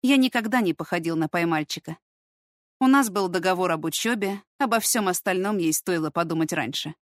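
A woman narrating a first-person story in a measured, steady reading voice. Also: fairly low pitch, dry recording, studio quality. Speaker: audiobook reader.

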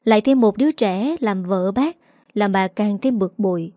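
A woman narrating a scripted audiobook in an even, steady storytelling manner. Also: mid-range voice, normal speed, no room sound, studio quality.

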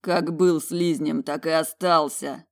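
A woman's voice: low-pitched, fairly even intonation, normal speed. A woman doing a snarling dragon general. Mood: contemptuous. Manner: growling, snarling through teeth. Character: proud young male dragon general, hot-tempered. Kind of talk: audiobook character voicing.

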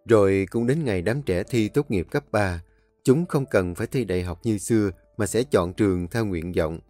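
A man narrating an audiobook in a steady storytelling manner. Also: on the low side, moderate pace, no room sound, soft background music.

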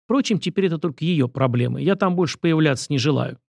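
Blunt young nobleman, man reading, dismissive, raised gravelly voice, dry sound. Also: fairly high pitch, expressive, quick pace, darkish tone, no room sound. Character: young male nobleman, blunt and self-assured.

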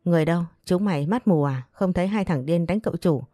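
A woman voicing a jealous young concubine who hurls abuse, with a low, dark voice. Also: quick pace, dry recording, studio quality, faint music behind, natural voice. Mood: furious. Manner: scolding, abusive. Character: foul-mouthed jealous young concubine, shrill.

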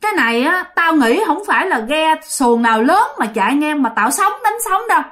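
A woman's voice: high-pitched, big pitch swings, brisk, a bit bright. A woman playing a startled, frightened woman on a boat at night, exclaiming in alarm. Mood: puzzled.

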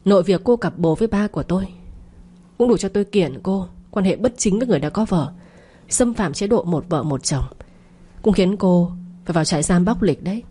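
A woman reading as a cold rich young man in an audio story, contemptuous and lecturing in a low, mellow voice with a husky edge. He talks down to the woman before him without raising his voice. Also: expressive, fairly quick. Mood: cold, scornful.

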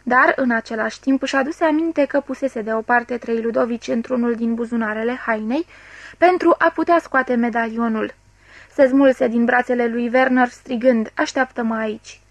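Woman reading a story, high and dry. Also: no room sound. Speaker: audiobook reader. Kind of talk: scripted narration.

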